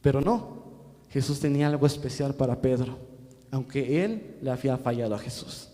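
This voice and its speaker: A man's voice: mid-range voice, normal speed, mellow. A male preacher giving a sermon in a church, asking the congregation rhetorical questions. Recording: echoey hall reverb.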